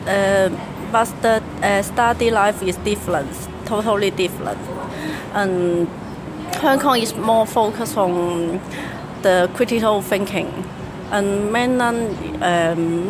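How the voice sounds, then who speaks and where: Slow, halting young woman with Chinese accent. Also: medium pitch, noisy background. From mainland China. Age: young adult. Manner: halting, hesitant, repeats and searches for words. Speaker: university student interviewee. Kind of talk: interview answers in second-language English.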